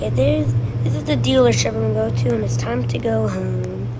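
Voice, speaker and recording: A woman's voice: a little high, brisk, heavy background noise. A woman chatting casually as she narrates her own gameplay, thinking aloud and scolding her in-game car. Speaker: gameplay vlogger. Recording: loud game car sounds behind voice.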